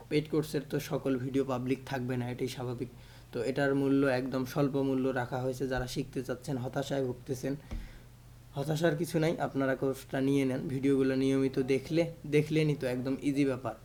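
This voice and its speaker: A man's voice: medium pitch, a little mellow, slight background noise. A man giving a patient instrument lesson, counting the beats aloud over and over. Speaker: music teacher.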